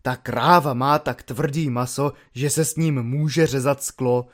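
A man's voice: medium pitch, fairly even intonation, lightly acted. A man voicing a cheerful, plain-spoken soldier-courier reporting to his officer. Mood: cheeky. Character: easygoing, cheeky male soldier-courier.

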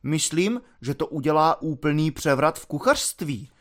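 A man's voice: fairly high pitch, animated, close to an everyday voice. A man voicing a boastful, chatty army cook in a storybook reading.

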